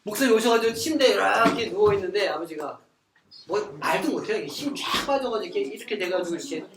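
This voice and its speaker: A man in his forties leading a church Bible study, telling stories in a lively way and acting out what people said. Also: sits high, quick pace, distant mic. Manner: animated storytelling, acting out quoted speech. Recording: echoey room, voice from afar, faint noise.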